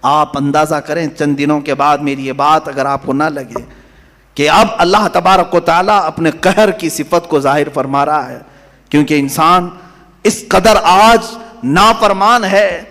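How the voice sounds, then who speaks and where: A man preaching an impassioned sermon, telling a story dramatically and swinging between soaring and hushed delivery. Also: a little high, fairly even intonation. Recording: hall reverb.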